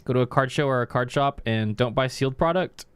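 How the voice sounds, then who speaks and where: A man's voice: mid-range voice, fairly quick, smooth, no echo. A young man talks casually and candidly, swearing freely as he chats. His voice sits in a middle register. The sound is dry and close, with no room around it. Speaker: card vendor. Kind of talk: casual chat.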